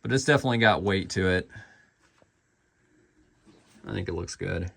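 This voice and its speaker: A man with a fairly low voice and heavy vocal fry reviews a collectible casually, at a moderate pace and with a fairly bright tone. He's informal and a bit hesitant, trailing off and circling back to points.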